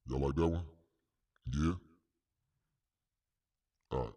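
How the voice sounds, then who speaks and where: A devilish, ultra-deep filtered voice, dark and mellow. It teases the listeners with short questions. It sounds set back from the mic, with a long echoey reverb. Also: male voice, fairly even intonation, slow, far from the mic, exaggerated voice. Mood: teasing. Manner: teasing, asking viewers to pick a voice. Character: booming devilish ultra-deep version of himself. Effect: voice changer pitching voice deep down.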